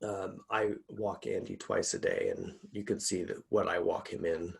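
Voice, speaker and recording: A man's voice: deep voice, sing-song, moderate pace, gravelly, husky. A man, a guest executive coach, chatting casually over a video call from his home, rambling and laughing often.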